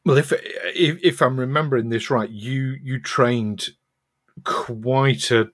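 A middle-aged man with a soft Yorkshire accent, co-hosting a podcast in casual chat. He is chatty and self-mocking, laughs often and restarts his sentences. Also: medium pitch, slow pace. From Yorkshire, England. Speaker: podcast co-host.

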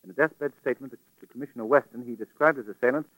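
An actor playing a suave, steady amateur detective in a 1940s radio drama, polished and articulate. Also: male voice, mid-range voice, rapid-fire, no room sound, lightly acted, low-quality recording. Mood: grave. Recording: dry vintage radio recording.

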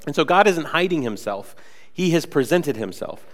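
This young pastor's voice sits a little high and is expressive, moving at a moderate pace through a big-room acoustic. He gives a casual sermon in the church sanctuary, nasal from a cold and heavy on conversational fillers.

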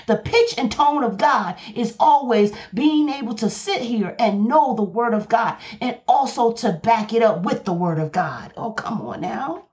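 A woman's voice: fairly high pitch, darkish tone, dull audio. A woman preaching a sermon, firing emphatic rhetorical questions at her congregation.

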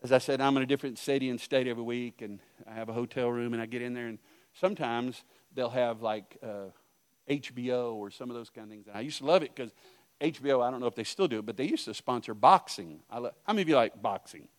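A middle-aged male pastor preaching a sermon, telling stories and swinging from hushed asides to loud outbursts. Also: mid-range voice, fast talker, smooth.

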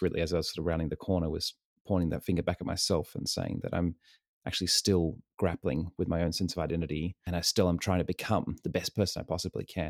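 Aussie guy late 30s, really deep voice, earnest and reflective, dry close sound. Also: no echo. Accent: Australian, softened toward American. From Australia. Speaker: guest singer-songwriter. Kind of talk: casual interview chat.

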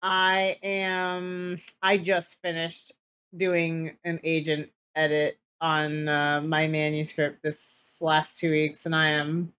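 A woman's voice: low voice, flat delivery, takes it slowly, fairly bright tone, clean tone. A woman co-hosting a casual podcast, mentally worn out and rambling with many hesitant false starts. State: mentally fried, tired. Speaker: podcast co-host. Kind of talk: casual live-stream chat.

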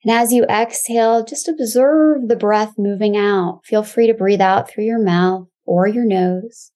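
A woman guiding a calm grounding exercise as a body-awareness teacher, giving soothing, gentle instructions. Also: mid-range voice, a little slow. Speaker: Pilates and embodiment teacher, guest.

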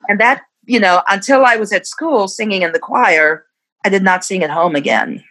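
A woman's voice: mid-range voice, a little slow, pushed and bright, rough recording. A woman in her fifties, a musician being interviewed, who talks in a reflective way and laughs often between thoughts. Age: 50s. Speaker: musician guest. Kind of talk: casual interview.

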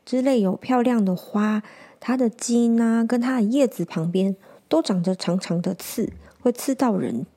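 A woman reading a children's picture book aloud, gently stopping to explain words. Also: fairly high pitch. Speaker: storyteller.

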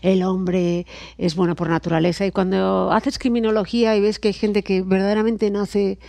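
A woman's voice: mid-range voice, moderate pace, creaky, no echo. A middle-aged woman from Spain with a Spanish accent, a guest psychologist telling stories expressively in casual podcast chat. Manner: lively, expressive storyteller, laughs often.

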